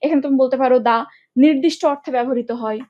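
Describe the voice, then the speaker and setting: A woman's voice: sits high, racing, muffled recording. A woman teaching English grammar in an online lesson, explaining step by step in colloquial speech mixed with English words, often checking whether students follow.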